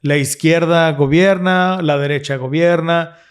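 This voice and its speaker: A man's voice: fairly high pitch, steady tone, a little slow, smooth. Earnest man co-hosting a faith podcast. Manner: earnest, explaining with frequent restarts. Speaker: podcast co-host. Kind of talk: casual religious discussion.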